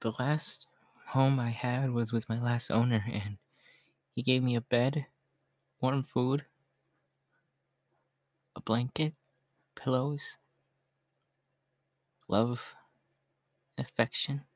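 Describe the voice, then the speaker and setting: A man in an ASMR role-play, voicing a shy, homeless young cat-boy who is gentle, hopeful, hesitant and softly polite. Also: medium pitch, steady tone, slow, long pauses, no echo, close to an everyday voice. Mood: wistful.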